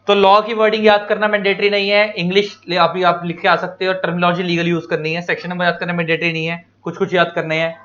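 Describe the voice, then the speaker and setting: A man teaching law to exam students in a casual, animated lecture, repeating key points and mixing English terms into his talk. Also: high-pitched, fast, few pauses, muffled recording. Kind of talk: informal exam-prep lecture.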